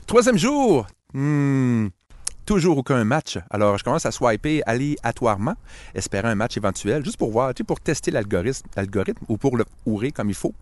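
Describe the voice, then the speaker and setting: A man's voice: mid-range voice, animated, fast, no echo. A man with a Québécois French accent, a tech guest on a podcast, telling a self-mocking story in casual chat. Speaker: podcast guest, tech and social media expert.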